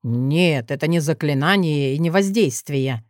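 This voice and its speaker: Dragon lord, adult man voiced by a woman, haughty, sardonic drawl, lowered voice, dry audiobook sound. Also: a little slow, darkish tone, no room sound. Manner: ironic, sneering drawl.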